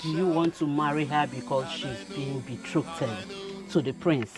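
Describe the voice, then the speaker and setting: A man's voice: fairly high pitch, unhurried, music in the background, close to an everyday voice. A man playing a probing, regal parent in a film drama, with a Nigerian accent.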